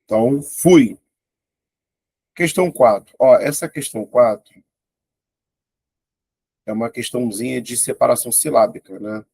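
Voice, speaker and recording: A man teaching an exam-prep grammar lesson. His voice is husky with a gravelly edge, and his speech is casual and exclaiming as he works through each item. The recording is close and dry. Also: medium pitch, unhurried, pauses often, a little mellow, dry recording. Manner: informal, thinks aloud, exclaims at tricky items. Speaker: Portuguese teacher.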